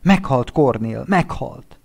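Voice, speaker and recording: A man's voice: creaky, darkish tone. A man doing a frantic, grief-stricken widower. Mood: distraught. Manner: high, strained, breaking voice.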